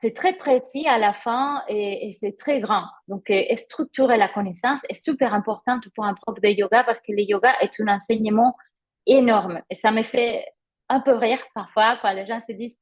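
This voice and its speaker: On a live webinar, a Spanish-accented woman, native in Spanish, teaches yoga teacher trainees conversationally, using personal examples and stopping to find her words. Her pitch is fairly high and the sound is lo-fi.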